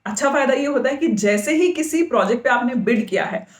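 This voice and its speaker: A woman's voice: high-pitched, expressive, fairly quick. A woman podcast host casually explaining things step by step and spelling out names as she goes. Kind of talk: casual advice talk. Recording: echoey room.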